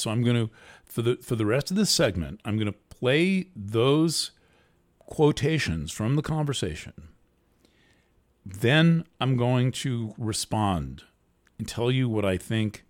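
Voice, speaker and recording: A man hosting a show, talking through a monologue in a deliberately soft, earnest way. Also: mid-range voice. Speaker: host. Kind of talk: monologue commentary.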